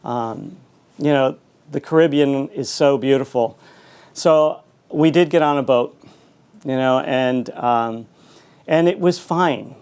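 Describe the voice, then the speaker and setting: A middle-aged man giving a conversational author talk in a reflective, halting, anecdotal way. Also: medium pitch, a little mellow, clean tone. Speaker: author and school teacher giving a book talk.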